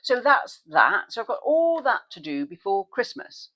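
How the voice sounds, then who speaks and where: Woman, chatty vlogger, rambling asides, lively pitch swings. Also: normal speed, rough recording. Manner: animated, with sudden pitch leaps when excited. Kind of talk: casual chat.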